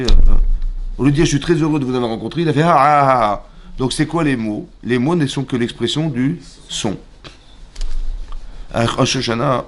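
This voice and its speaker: A man teaching a lively Torah class in a synagogue, acting out shouts and sounds and questioning his listeners. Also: mid-range voice, a little hiss or hum. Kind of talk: animated Torah lesson.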